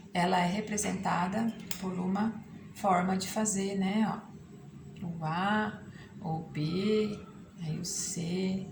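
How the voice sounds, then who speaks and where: A woman teacher with a Brazilian Portuguese accent gives a remote lesson from a textbook, patiently checking in with her students. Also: on the low side. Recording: echoey room with background noise.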